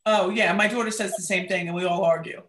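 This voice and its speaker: A woman's voice: medium pitch, steady tone, quick pace, a loud crowd. American woman in an echoey room, playful. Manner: playful, colloquial. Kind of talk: casual chat.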